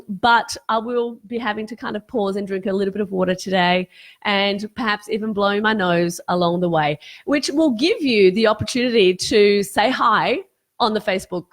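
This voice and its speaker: A woman's voice: medium pitch, normal speed. A woman hosting a live-streamed question-and-answer session as a fertility specialist, losing her voice and explaining things earnestly with frequent fillers and restarts.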